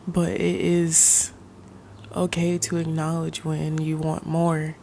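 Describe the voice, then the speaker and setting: A woman giving a soft, hushed ASMR pep talk, reflective and halting, drifting at times toward a whisper. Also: low voice, completely flat delivery, gravelly, a little hiss or hum. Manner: halting, pausing mid-sentence. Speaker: ASMR creator.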